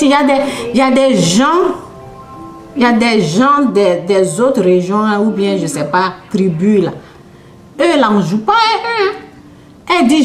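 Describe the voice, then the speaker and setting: Woman, preaching, repetitive storytelling, higher voice, roomy echo. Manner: storytelling, repeats phrases, tags lines with "là" and "hein". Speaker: preacher giving testimony. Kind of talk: conversational sermon testimony.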